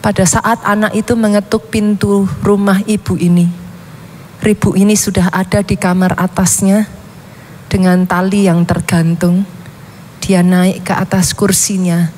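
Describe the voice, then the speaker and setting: A woman's voice: medium pitch, darkish tone, a little hiss or hum. A woman pastor preaching, telling a story dramatically and often addressing her listeners directly. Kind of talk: sermon storytelling.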